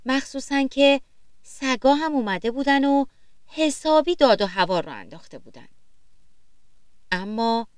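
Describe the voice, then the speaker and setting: A woman narrating a children's story gently and expressively, sometimes speaking straight to the young listeners. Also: high voice, lively intonation, long pauses, clean tone, no echo.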